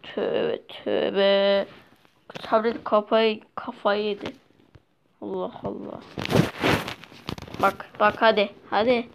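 A woman's voice: medium pitch, little pitch movement, takes it slowly, creaky, long pauses. A young woman giving casual commentary while playing a mobile game, chatty and easily exasperated as she talks to her viewers. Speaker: mobile gameplay vlogger. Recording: dull lo-fi sound with faint noise.

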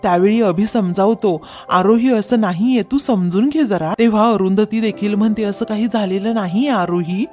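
A woman's voice: medium pitch, moderate pace, hardly any pauses, dark tone, soft background music. A woman narrating a recap of a TV serial episode, reading all the characters' lines in her own voice.

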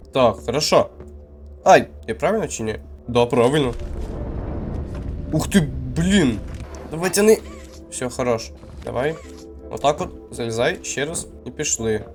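A Ukrainian man giving excitable, jumpy commentary while he plays a horror game and mutters to himself. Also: mid-range voice. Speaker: gamer playing a horror game. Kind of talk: live gameplay commentary. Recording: game music playing underneath.

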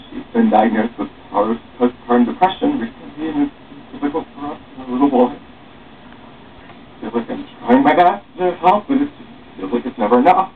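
This young man's voice sits in the mid-range with a creaky edge as he dramatically reads a script he wrote, voicing all the characters himself. He's seated in a small home room. A far-off webcam or camera mic makes the recording muffled, tinny, distant and noisy, much like a phone.

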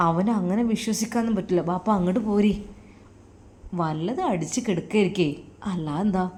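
A woman plays a suspicious young man with a lowered, mellow voice. He argues insistently and warily, urging his father to leave. This comes from a spoken audio story. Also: a little fast, close to an everyday voice. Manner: wary, insistent. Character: suspicious young man, wary passer-by's son.

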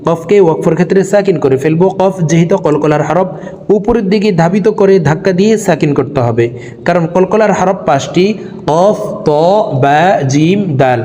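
A man in a recitation lesson, spelling out letters and vowel marks one at a time with patient care. His voice sits a little high. A long hall reverb trails behind every phrase. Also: fairly quick, dark tone. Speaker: Quran reading teacher.

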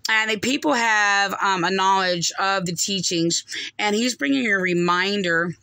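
A woman's voice: mid-range voice, unhurried, pushed and bright, no room sound, poor audio. A middle-aged woman talking casually into a phone held close in a dim room, commenting on scripture with many fillers, restarts and hesitations. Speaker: video commentator. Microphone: phone held close to face.

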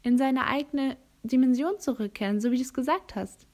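A woman's voice: sits high, brisk, darkish tone, pitched above the performer's own voice. Woman reading as a nervous, questioning teenage girl. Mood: unsure. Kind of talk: audiobook character reading.

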